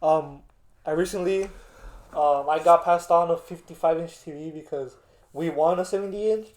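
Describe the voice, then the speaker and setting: A young man with a soft, mellow tone and a fairly high-set voice talks in a laid-back stoner way. His chat is slangy and peppered with curses, in a roomy, echoing space. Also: normal speed. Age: young adult. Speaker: co-host. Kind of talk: casual chat. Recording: roomy, echoing indoor sound.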